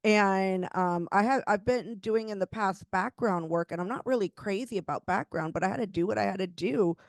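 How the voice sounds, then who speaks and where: A woman's voice: medium pitch, moderate pace, no room sound, studio quality. A woman hosting a podcast, talking casually with many restarts and fillers. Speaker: podcast host. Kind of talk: casual chat.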